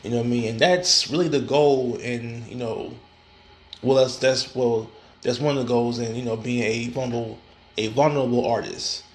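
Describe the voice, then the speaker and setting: A man with a mid-range voice and steady tone hosts his own podcast, chatting casually by himself at a moderate pace. He uses frequent fillers and restarts and stammers through repeated words.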